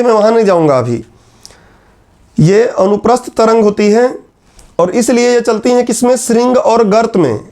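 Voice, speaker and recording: A man with a strikingly high-pitched voice teaches a class at the board. He moves step by step, puts questions to the students and answers them himself. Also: darkish tone. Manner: explains step by step, asks and answers his own questions. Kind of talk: classroom lecture.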